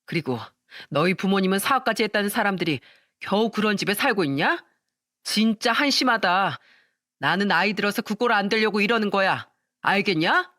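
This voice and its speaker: A man's voice: high-pitched, animated, moderate pace, pushed and bright, dry recording, clean studio sound. A man voicing a calculating, condescending man in his late thirties in a scripted audio drama for a story channel, talking down to his girlfriend. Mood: sneering. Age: 30s. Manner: sneering and condescending.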